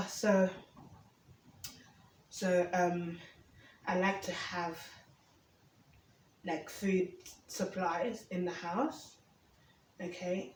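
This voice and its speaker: A Ugandan woman with a lowish, slightly mellow voice chats casually while prepping food in her home kitchen for a cooking vlog, often checking in with "okay?". The roomy sound comes from a distant camera mic, with faint ambience and a little hiss or hum.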